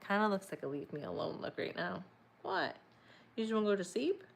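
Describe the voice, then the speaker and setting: A woman's voice: mid-range voice, lively intonation, fairly quick, vocal fry, a little hiss or hum. A young woman chatting casually while she crochets, rambling, laughing often and cooing at her dogs. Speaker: crochet vlogger.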